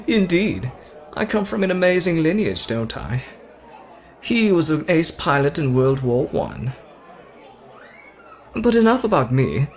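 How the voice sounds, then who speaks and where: With a slow, sing-song, high-leaning voice and long pauses, a man acts out a boastful, teasing young British show-off for the listener in an ASMR roleplay. The performance is heavily acted and charming, with some chatter behind him.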